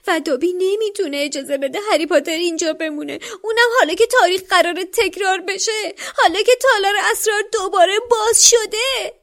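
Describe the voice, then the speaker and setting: Dobby, a woman doing a squeaky wailing house-elf. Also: few pauses, fairly bright tone. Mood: pleading tearful. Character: small wretched male house-elf, tearful and frantic. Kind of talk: dramatic book reading.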